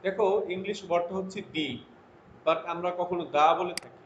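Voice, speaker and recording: A man teaching an English grammar lesson to students, reading his English example sentences out slowly and deliberately between his explanations. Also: sits high, fairly even intonation, a bit bright. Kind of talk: recorded classroom lesson. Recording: lo-fi echoey room with faint noise.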